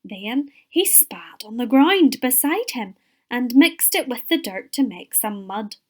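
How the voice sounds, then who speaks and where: A woman, a Sunday school teacher telling a Bible story to children with expressive, whispered moments. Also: fairly high pitch, slow.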